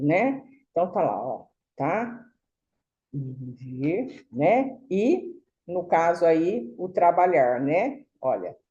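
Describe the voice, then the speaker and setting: A woman's voice: lowish voice, mellow, muffled recording. A woman teaching a sign language class, explaining patiently with many fillers and tag questions. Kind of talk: online lecture.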